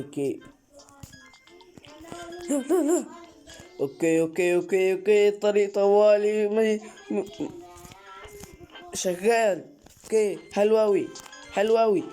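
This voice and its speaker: Full of excitement, this man hosts a gaming channel and narrates a let's-play in an Egyptian Arabic accent. Short exclamations come again and again, punctuated by abrupt high-pitched yelps.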